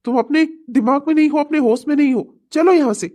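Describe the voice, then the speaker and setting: A woman's voice: sits high, a little fast, warm tone, lightly acted. A woman voicing a frustrated husband in a cartoon comedy, scolding his wife and then begging her to come home. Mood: angry. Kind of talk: Hindi cartoon comedy voice acting.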